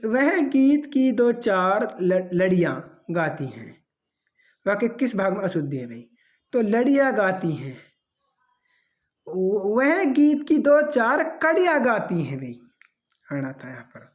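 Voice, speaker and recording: A woman's voice: mid-range voice, big pitch swings, slow pace. A woman teaching an exam-prep grammar lesson, reading out answer options and then correcting them.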